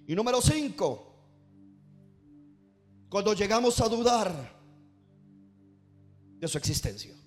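A man preaching a sermon in a strikingly high voice. He calls out to his congregation and has them repeat after him, drawing out key words for emphasis. Faint music plays behind him. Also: expressive, slow pace, long pauses. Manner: preaching with call-and-response to the congregation. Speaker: pastor.

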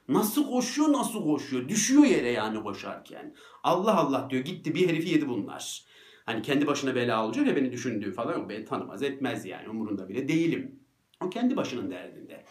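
A man giving a motivational talk, telling a personal story in a joking, animated way and acting out what was said. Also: medium pitch. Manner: animated, laughing at his own story, acts out quotes. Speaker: motivational speaker. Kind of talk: storytelling monologue. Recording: roomy echo.

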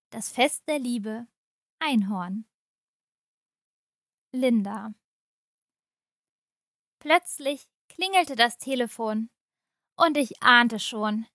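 Podcast story reader: a woman, calm and measured, unhurried read-aloud delivery. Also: a little high, no room sound, studio quality. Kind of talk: scripted storytelling narration.

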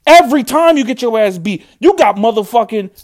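A man's voice: extremely high pitch, animated, brisk. A man ranting angrily and profanely about his football team's losses, repeating himself as he vents. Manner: angry, profane, repetitive. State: upset. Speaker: sports fan ranting. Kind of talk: profane sports rant.

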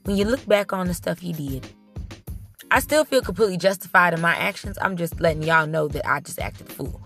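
Woman, low voice, comic storyteller, profane, animated, faint music behind. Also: a little fast. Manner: animated, blunt and profane, with frequent restarts. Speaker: storyteller recounting her childbirth. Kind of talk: casual comedic storytelling to camera.

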